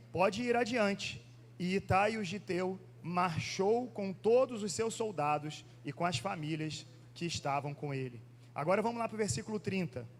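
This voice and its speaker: A man from Rio de Janeiro with a Brazilian Portuguese accent, preaching a sermon in church, reading scripture slowly and then asking the congregation rhetorical questions. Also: sits high. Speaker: pastor. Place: church sanctuary.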